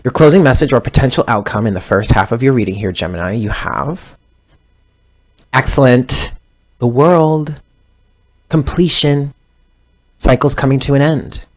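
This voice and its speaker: A man's voice: medium pitch, moderate pace, long pauses. A man in his thirties giving a casual tarot reading, rambling and often correcting himself mid-sentence. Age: 30s. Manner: rambling, self-correcting, conversational. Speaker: tarot reader.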